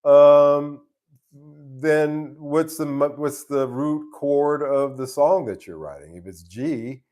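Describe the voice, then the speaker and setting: Streaming casually from his home base abroad, a man with a very low voice fields viewers' questions in a loose, meandering style with many restarts. He talks slowly and sounds a little mellow.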